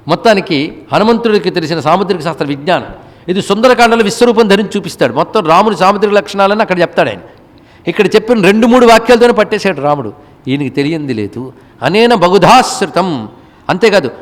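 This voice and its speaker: High-pitched male discourse speaker, long hall reverb, chanted verses, rhetorical questions to the audience. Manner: chants scriptural verses slowly between plain explanation. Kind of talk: devotional discourse.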